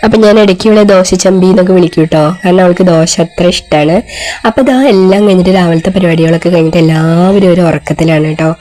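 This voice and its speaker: A woman's voice: lowish voice, steady tone, quick pace, dark tone. A woman narrating a casual pet vlog, her voice congested from a cold, chatty and often tagging sentences with "you know". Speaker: pet vlogger.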